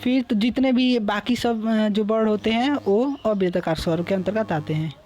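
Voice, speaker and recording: A man's voice: sits high, moderate pace, a little mellow, slight background noise. A young man teaching a lecture, explaining patiently, repeating terms and drawing out vowel sounds as examples. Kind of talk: classroom lecture.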